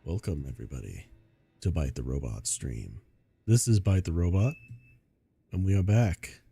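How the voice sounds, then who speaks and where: A man's voice: low voice, normal speed, gravelly, mellow, breathy edge. A man streaming a video game in casual commentary, sounding sleepy and stuffy, rambling and laughing often. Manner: giggly, rambling.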